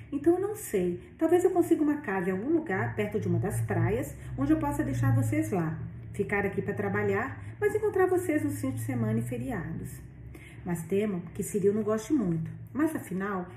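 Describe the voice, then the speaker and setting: A woman's voice: mid-range voice, warm tone, slight background noise, natural voice. A woman reading the lines of a kindly, earnest middle-aged man who gets flustered, in her own voice. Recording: roomy echo, distant mic.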